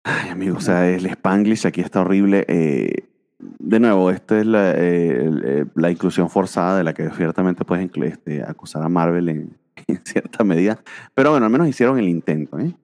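A man talks through old comic issues on a casual podcast, circling back with fillers as he thinks. His voice sits very low. A long reverb trails behind every line. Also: moderate pace, a little mellow. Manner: rambling, many fillers like "este" and "eh". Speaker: podcast co-host.

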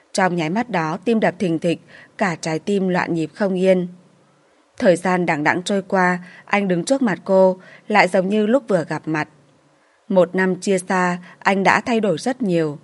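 Female audiobook narrator, lower register, steady romance storytelling.

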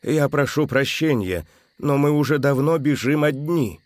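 A man's voice: mid-range voice, expressive, measured pace, no echo, voice pushed up, lightly acted. A man voicing an elderly, tired little creature who speaks politely and wearily. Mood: weary. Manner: weary, polite.

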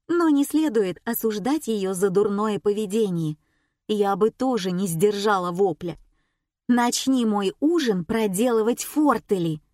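A woman reading a comic novel aloud as narrator, expressive and wry. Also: mid-range voice, dry recording, clean studio sound. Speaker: audiobook reader. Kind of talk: scripted narration.

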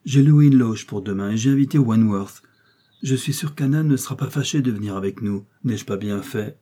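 A blunt, easygoing young gentleman, voiced by a male reader, answers in brusque, offhand retorts. The voice stays low, dark and a little husky. He belongs to a read-aloud classic novel. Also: moderate pace, natural voice. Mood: pleased.

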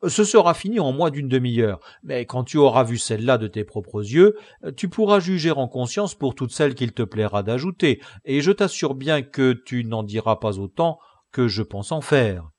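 A man's voice: mid-range voice, animated, moderate pace, few pauses, a little mellow, no echo, clean studio sound, close to an everyday voice. A man voicing a lovesick, grandiloquent middle-aged knight in an audiobook, solemn, lofty and formal. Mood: earnest. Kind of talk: audiobook character reading.

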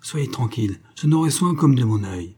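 A man voicing a rough, bellowing grenadier soldier, blunt and brave, who shouts his lines gruffly in a storybook reading. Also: mid-range voice, lively intonation, moderate pace. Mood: defiant.

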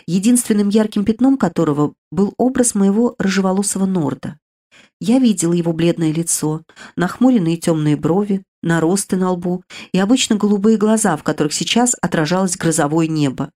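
A woman narrating a first-person fantasy novel in a measured, expressive reading. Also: lowish voice. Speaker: audiobook narrator.

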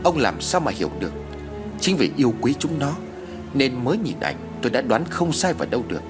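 A man's voice: mid-range voice, big pitch swings, a little fast, over music, natural voice. A man voicing a distraught older village mother who wails and scolds. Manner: wailing and scolding.

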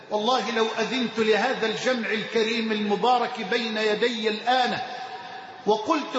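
Egyptian male preacher, fervent and booming, echoing through a large hall. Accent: Egyptian Arabic. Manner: fervent, rising to shouts at climaxes. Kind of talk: impassioned sermon storytelling. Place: large hall or mosque before a congregation. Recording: echoey, muffled, noisy hall recording.

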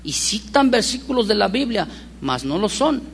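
A man preaching a sermon as pastor, telling stories with lively emphasis and asking the congregation rhetorical questions. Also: sits high, normal speed, creaky, slight background noise. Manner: animated storyteller with rhetorical questions.

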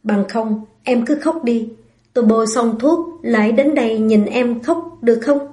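A brash young playboy from an audiobook novel, teasing and sure of himself, read out by a woman. The voice is mellow and set a little high. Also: a little slow, close to an everyday voice. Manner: teasing, cocky.

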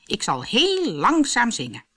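A woman's voice: on the low side, wildly swooping pitch, moderate pace, fairly bright tone, full character voice. A woman playing an eager, boastful pig. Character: eager boastful male pig, full of schemes.

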